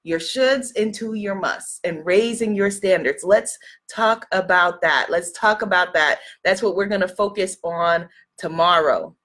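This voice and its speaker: A spiritual coach hosts a live video stream, her fairly low, slightly bright voice moving a little slowly. She has a cold and sniffles while reading out viewer comments and leading affirmations, repeating them in an encouraging way.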